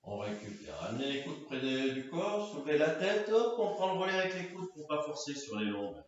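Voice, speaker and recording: A man leading a guided floor-exercise session, giving calm, directive cues in short phrases. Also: fairly high pitch, brisk. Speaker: karate and fitness instructor. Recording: echoey room, distant mic, dull sound.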